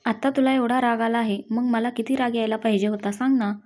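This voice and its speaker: A woman's voice: a little high, steady tone, brisk, darkish tone, close to an everyday voice. A woman voicing an angry young husband, curt and irritated, in a read-aloud story. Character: angry young husband, brooding and short-tempered.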